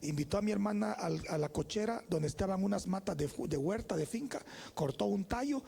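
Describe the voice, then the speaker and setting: A Salvadoran man in his forties preaching a sermon with a fairly high voice. His tone is mellow and a little husky. He tells personal stories in an emphatic, conversational way and keeps the congregation engaged. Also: expressive, fairly quick. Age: 40s. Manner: emphatic, conversational preaching with call-and-response "amén". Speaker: guest pastor. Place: church.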